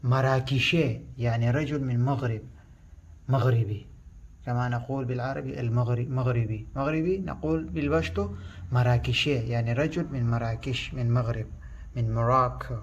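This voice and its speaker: Pashto-speaking man teaching words slowly. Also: medium pitch, steady tone, muffled recording, a little hiss or hum. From Afghanistan. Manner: repeats each word slowly and loudly, then explains. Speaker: language teacher. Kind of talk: language lesson.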